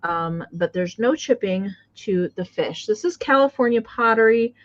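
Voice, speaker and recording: A woman's voice: mid-range voice, lively intonation, moderate pace, highs cut off. A woman co-hosting a live vintage sale, talking casually with many fillers as she describes a piece. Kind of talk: live auction selling.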